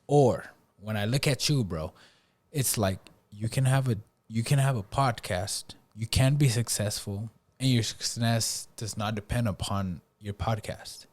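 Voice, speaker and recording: A man with a fairly low voice hosts a podcast in loose, casual conversation. He talks in a relaxed way and keeps checking in with his guests. "Bro" and "right?" run all through his speech. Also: a little slow, few pauses. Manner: laid-back, peppers speech with "bro" and "right?". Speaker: podcast host. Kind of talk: casual chat.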